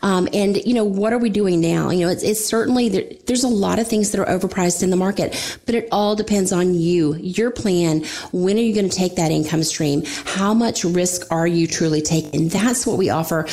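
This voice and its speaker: A woman's voice: fairly low pitch, moderate pace, dark tone. A middle-aged woman talking informally as a financial advisor, explaining things in a conversational way. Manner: informal, explanatory, often says "you know". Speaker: financial advisor guest on a radio show. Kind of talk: conversational financial advice talk.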